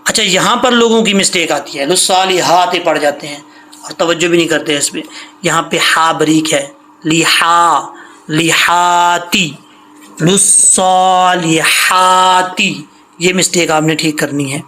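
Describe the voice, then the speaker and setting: A man's voice: on the high side, fairly quick, pushed and bright, slight background noise. A man teaching Quran recitation, patiently sounding out words letter by letter and pointing out common mistakes. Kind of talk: slow teaching with drawn-out recitation.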